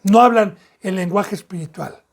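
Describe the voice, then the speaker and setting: A man's voice: sits high, normal speed. A man with a Mexican accent preaching a sermon as pastor, with emphatic, repetitive phrasing that rises in bursts.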